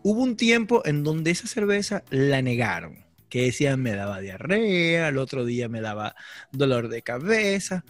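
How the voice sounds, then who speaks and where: A Venezuelan man hosting a casual chat with friends, slangy and joking, often breaking into loud laughter. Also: mid-range voice, sing-song, normal speed, faint music behind. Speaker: podcast host. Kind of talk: casual banter among friends.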